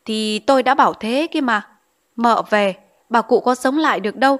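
A woman voicing a strict, domineering old mother-in-law who fusses and scolds in a hurried way. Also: on the high side, a bit bright, lightly acted. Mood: coaxing.

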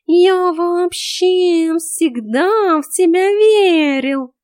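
A woman voicing a sly, fawning male talking house cat in an audiobook, stretching words out high and loud. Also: extremely slow, full character voice. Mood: gushing. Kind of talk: audiobook character voice.

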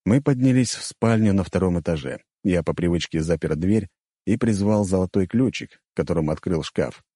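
Deep, warm male reader for first-person fantasy narration, measured delivery. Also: breathy edge, no echo, studio quality. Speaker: audiobook narrator.

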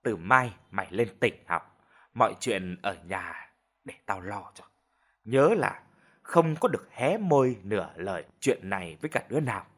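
A man voicing a stern mother who berates her grown son in a sharp, cutting way. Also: lowish voice, very animated, measured pace, full character voice.

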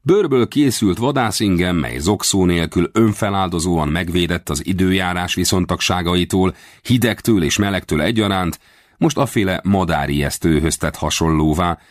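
Low deep guy reading an adventure audiobook, wry and dry, lots of lilt, dead dry studio. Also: dry recording. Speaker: audiobook narrator. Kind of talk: scripted first-person narration.

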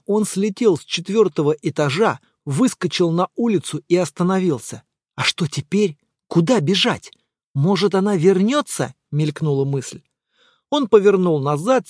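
An expressive audiobook narrator reading a dramatic story, with a voice that moves widely up and down in pitch. The recording is dry and close, with no room sound. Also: no echo.

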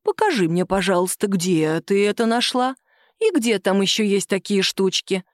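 Женщина озвучивает спокойного капитана полиции средних лет, который говорит медленно, осторожно и уговаривающе. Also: female voice, mid-range voice, expressive, dry recording, clean studio sound, lightly acted. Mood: вкрадчиво. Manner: slow, careful, coaxing. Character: calm middle-aged male police captain.

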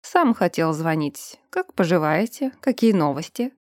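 A woman voicing a sly, sarcastic middle-aged male lynx-shifter official who drawls slowly and then barks. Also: fairly low pitch, big pitch swings, no room sound, studio quality, voice pushed down. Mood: drawling sarcasm. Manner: slow, sarcastic, suddenly barking.

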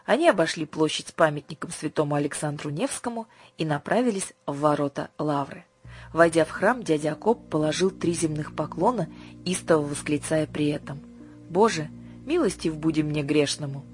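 A woman narrating a children's audiobook in an even storytelling manner. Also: low-pitched, a little fast, soft background music.

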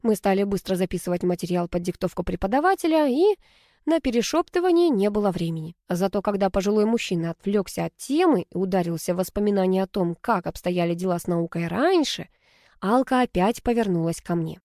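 A woman narrating a first-person novel as an audiobook, in a lively storytelling manner. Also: mid-range voice, fairly quick, no room sound, studio quality.

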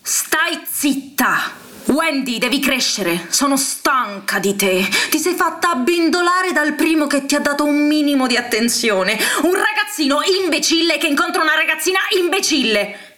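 A woman's voice: sits high, lively intonation, normal speed, bright, forceful tone. A woman as a cruel, mocking voice. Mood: contemptuous. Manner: contemptuous, cutting, drops to whispers. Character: cruel mocking female voice belittling a girl. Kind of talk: live stage reading.

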